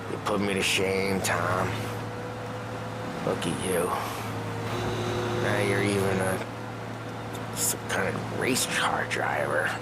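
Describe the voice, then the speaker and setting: A drunk, maudlin mobster, slow slurred delivery over loud game sound. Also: male voice, sits low, fairly even intonation, very noisy. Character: drunk rambling mobster man. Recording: loud game audio underneath.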